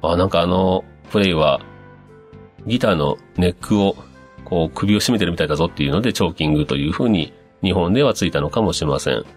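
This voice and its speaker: Deep-voiced man hosting a chatty show. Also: fast talker, soft background music. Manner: relaxed, chatty, with frequent fillers and musing asides. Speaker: podcast host. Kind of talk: casual radio-style talk reading listener messages.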